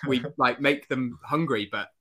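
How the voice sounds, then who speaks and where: A man's voice: medium pitch, moderate pace, sharp tone, slight background noise. A man co-hosting a casual podcast, telling rambling stories with fillers and a bit of swearing. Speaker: podcast co-host. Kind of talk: casual chat.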